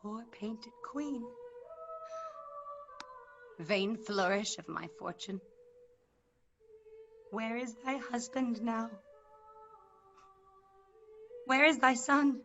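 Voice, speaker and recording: A woman's voice: fairly high pitch, music in the background. A woman playing a bitter, deposed old queen in classical verse, declaiming with scorn over a video call. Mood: bitter grief. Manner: declamatory, scornful, slow and deliberate. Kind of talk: classical verse stage acting. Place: remote video-call staged reading. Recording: dull video-call audio.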